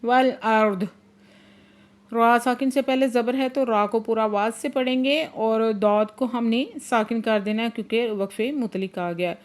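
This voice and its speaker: A woman teaching Quran recitation, chanting verses slowly and drawn out, then explaining the rules briskly. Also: fairly high pitch, steady tone. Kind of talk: tajweed lesson, slow chanted recitation then quick explanation.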